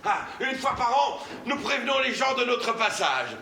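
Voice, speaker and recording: A man's voice: very high-pitched, very animated, normal speed, sharp tone, full character voice. An actor on stage playing a long-winded male charity volunteer who stammers, repeats himself and lectures in slogans. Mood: insistent chatter. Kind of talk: stage comedy acting. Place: theatre stage. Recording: echoey theatre hall, background noise.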